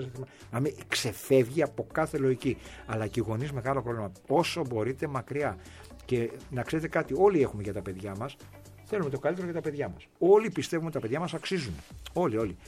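A man's voice: mid-range voice, a little mellow. Chatty middle-aged man talking sports. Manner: chatty, repeats himself, lots of affirming yeses. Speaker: sports show co-host. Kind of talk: casual sports talk.

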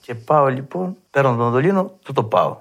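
A man with a Cretan accent, a mandolin player telling stories from his past and acting out old conversations in a lively way. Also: mid-range voice. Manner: lively storyteller who acts out past dialogue. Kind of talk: reminiscing storytelling.

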